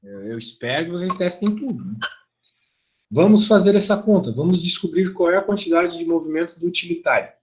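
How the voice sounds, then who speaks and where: A man's voice: sits high, expressive, a little fast, slight background noise. A middle-aged Brazilian man teaching an online physics class, chatty, asking his students rhetorical questions.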